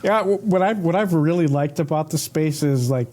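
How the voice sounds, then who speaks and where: A man's voice: on the high side, moderate pace, darkish tone. A man hosting a podcast interview, asking questions in a casual way with many fillers. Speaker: podcast host.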